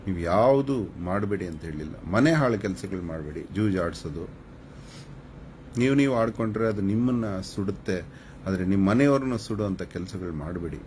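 Deep-voiced scolding man on a live stream. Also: expressive, moderate pace, a little mellow, slight background noise. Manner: scolding, mocking, preachy. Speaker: channel host giving advice on a live stream. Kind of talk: live-stream lecture to viewers.

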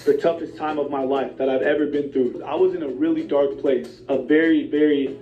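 A man's voice: fairly high pitch, fairly even intonation, fairly quick. A young man giving an earnest, emotional speech to his viewers, repeating himself as he thanks them. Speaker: YouTuber thanking his fans. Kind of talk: emotional vlog speech to camera. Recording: roomy, slightly muffled, with music behind.

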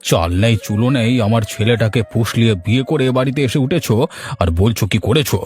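A man's voice: medium pitch, fast, a little mellow, soft background music, close to an everyday voice. A man voicing a bitter older father-in-law in a cartoon, harsh and scornful. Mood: scolding. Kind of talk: cartoon voice acting.

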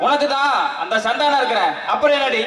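Actor playing a bullying husband on stage. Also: male voice, very high voice, steady tone, fast talker. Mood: taunting. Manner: taunting, commanding. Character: domineering young husband, bullying. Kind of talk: Tamil village stage drama. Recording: echoey stage with loud live music.

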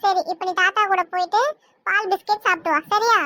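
A woman's voice: very high-pitched, steady tone, a little fast, very noisy. A woman voicing a caring cartoon grandmother. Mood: soothing. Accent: Kanyakumari Tamil. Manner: reassuring, scolding when needed. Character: caring grandmother, soothing and firm.

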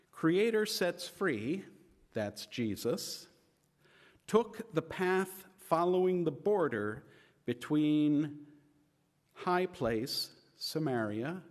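A male pastor reading scripture aloud in a church service, slow and measured with lifted emphasis. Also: fairly high pitch. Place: church sanctuary. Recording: long reverb of a church sanctuary.

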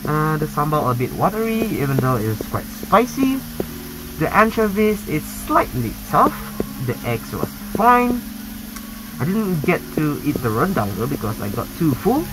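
A man's voice: a little high, big pitch swings, a little slow, noisy background. A man, talking through a face mask as a food vlogger, giving a casual food review with a chatty, hesitant manner and many fillers. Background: background music.

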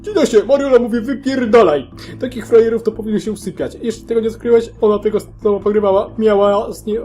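A man's voice: sits high, fairly even intonation, quick pace, soft background music, pitched above the performer's own voice, close to an everyday voice. A man voicing a crude young man who mocks and swears down a phone line. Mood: sneering. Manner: loud, sneering, swearing.

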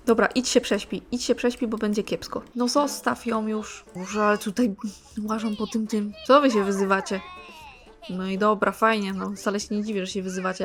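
Young woman, fairly high voice, casual gameplay commentary, bossy and exasperated with sarcastic asides. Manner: exasperated, bossy, scolding her game characters. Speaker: gaming channel host.

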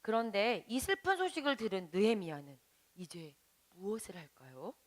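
A woman as a Sunday school teacher, gently explaining a Bible story to children and asking them questions. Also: medium pitch, animated, moderate pace. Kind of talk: children's Bible lesson narration.

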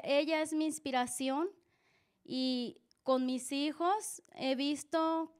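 In a church service, a woman with a voice that sits high gives an earnest, conversational testimony in the style of a sermon, often restarting her sentences.

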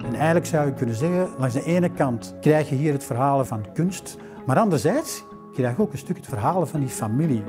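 Speaking into a lapel mic in a library room, a fifty-something museum director with a Flemish accent tells a collector's history during a documentary interview. The pace is leisurely and narrative, the voice mid-range, with occasional "eh" fillers.

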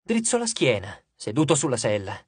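A man narrating an audiobook with expressive, dramatic storytelling, recorded on a studio microphone in a booth. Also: medium pitch, moderate pace, breathy edge, no echo.

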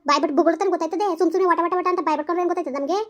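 A woman's voice: very high voice, fairly even intonation, very fast. Woman putting on an indignant young village wife. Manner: sharp, indignant questioning. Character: young wife defending her husband, woman.

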